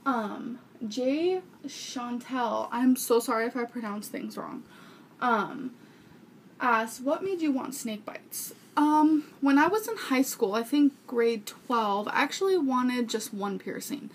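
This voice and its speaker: Young woman, higher-pitched, chatting casually. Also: slow pace, a little hiss or hum. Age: 20s. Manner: informal, rambling, earnest. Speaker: vlogger answering viewer questions. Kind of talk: casual chat to viewers. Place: small furnished bedroom indoors. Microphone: webcam or camera mic at arm's length.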